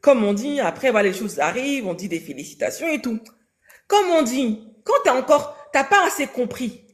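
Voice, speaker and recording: A young woman telling a story casually in an interview, animated and slangy, acting out the dialogue. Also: fairly high pitch, normal speed. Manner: animated, slangy, acts out dialogue in quoted voices.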